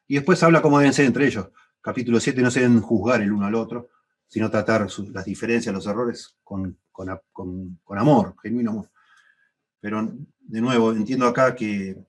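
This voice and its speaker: Husky Argentine man teaching a church class. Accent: Rioplatense Spanish. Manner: thoughtful, repeats phrases for emphasis, rises in pitch when stressing points. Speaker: Bible teacher.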